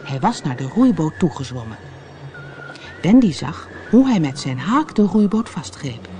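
Animated children's storybook narrator. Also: mid-range voice, unhurried, faint music behind. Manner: expressive, animated. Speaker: storybook reader.

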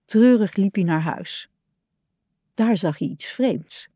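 Slow, expressive female reader for a children's audiobook. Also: mid-range voice, no echo, clean studio sound. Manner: warm, expressive read-aloud. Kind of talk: children's storybook narration.

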